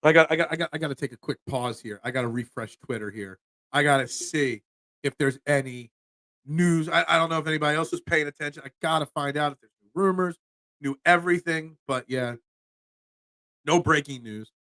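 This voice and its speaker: Hosting a sports talk show alone, a forties-aged man from the Philadelphia area reads the chat with stammered restarts, rambling talk and asides to viewers. The recording is dry, and his voice is a little high, fairly quick and sharp in tone.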